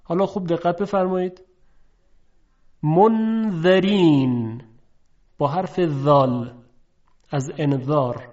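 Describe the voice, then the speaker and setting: A man teaching how to pronounce Arabic letters. He explains quickly, then recites each example word slowly and clearly, twice. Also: fairly high pitch, darkish tone. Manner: slow, drawn-out recitation of example words; fast explanatory talk between examples. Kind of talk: pronunciation lesson. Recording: dull lo-fi recording.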